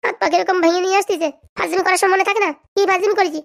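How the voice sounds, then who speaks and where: Lady doing a self-pitying cartoon man, squeaky and rushed. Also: steady tone, gravelly, dry recording, studio quality. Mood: whining. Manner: whining, self-pitying complaints. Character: whiny beaten young man. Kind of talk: cartoon voice acting.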